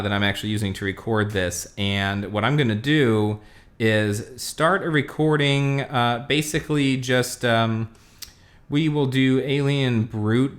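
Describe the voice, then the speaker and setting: A man hosting a casual tech product review, talking through a demo in a relaxed way with many fillers. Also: medium pitch. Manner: relaxed, lots of fillers, talks while demonstrating.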